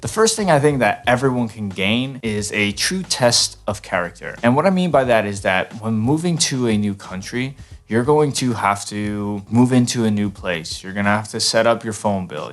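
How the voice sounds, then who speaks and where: A young man from New York talking casually to camera in a relaxed, chatty way, with fillers and restarts. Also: on the low side. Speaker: vlogger.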